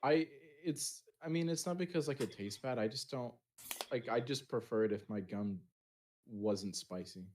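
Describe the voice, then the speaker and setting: A man's voice: medium pitch, moderate pace, darkish tone. A young man in a casual podcast chat, talking hesitantly and restarting his sentences.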